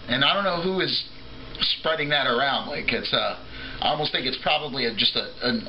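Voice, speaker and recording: A man's voice: medium pitch, sharp tone, a little hiss or hum, low-quality recording. A man giving an off-the-cuff, drunken, rambling opinion rant as a video blogger, trailing off, restarting and swearing freely.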